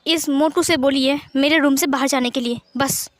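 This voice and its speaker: A woman's voice: high voice, steady tone, normal speed, dry recording, lightly acted. A woman voicing a grumpy young man who talks curtly and mutters. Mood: irritated. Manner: curt, muttered. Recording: faint background music.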